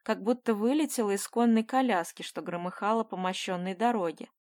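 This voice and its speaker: A pensive middle-aged husband musing to himself, read by a woman narrator. Calm and quiet, with no real change of voice. Dry, close recording. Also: mid-range voice, fairly quick, no echo, close to an everyday voice. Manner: musing inner thought.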